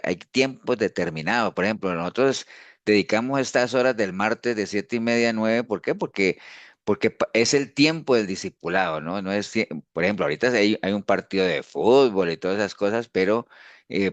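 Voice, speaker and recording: A pastor with a lowish voice gives an informal discipleship teaching, recorded with no echo. He speaks conversationally, restarting sentences and often ending them with a questioning "¿no?".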